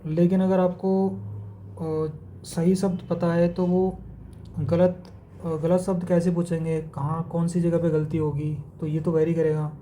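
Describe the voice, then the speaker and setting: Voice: medium pitch, flat delivery, measured pace, warm tone, slight background noise. A teacher giving an exam-prep spelling lesson, methodically contrasting wrong and right word forms and mixing in English words. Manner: mixes English words into Hindi explanation.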